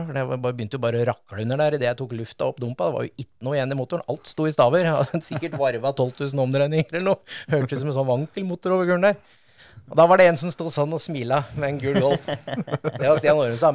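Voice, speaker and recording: A man speaks as a podcast guest, telling racing anecdotes with sudden bursts of energy and laughter. His voice sits in an ordinary middle pitch. The sound is dry and close, with no room around it. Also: darkish tone, no echo. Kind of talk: casual podcast chat.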